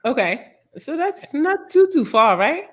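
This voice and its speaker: A woman's voice: high-pitched, sing-song, unhurried. A woman from Paris hosting a casual live-stream, chatting with callers and asking them lots of questions. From Paris, France. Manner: friendly, curious, asks lots of questions. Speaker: host.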